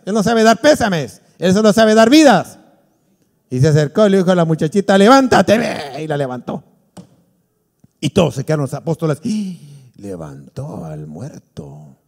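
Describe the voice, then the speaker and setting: A man, a pastor, preaching a sermon, animated, acting out quotes from the people in his stories. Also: high-pitched. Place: church hall. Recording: long church reverb.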